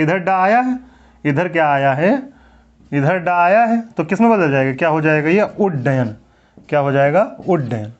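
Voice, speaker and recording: A man teaching a Hindi grammar lesson, his voice a bit higher than most. He keeps asking a question and then answering it himself, drawing out the words as he repeats them. The recording sounds dull and lo-fi. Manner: drawn-out repetition of words. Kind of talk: classroom lecture.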